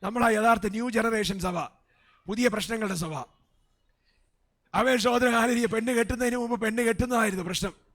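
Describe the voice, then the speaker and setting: A man's voice: extremely high pitch, fairly quick, pauses often. A man with a Malayali accent preaching a sermon as pastor at a church service, peppering his words with amens and hallelujahs. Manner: swings between soft asides and loud shouted peaks.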